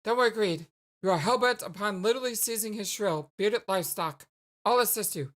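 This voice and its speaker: A woman's voice: medium pitch, fairly quick, natural voice. A woman voicing a witty, haughty girl in a game, speaking in dry, pompous, elaborate sentences. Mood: smug. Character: witty, haughty, sardonic girl with an analytical streak.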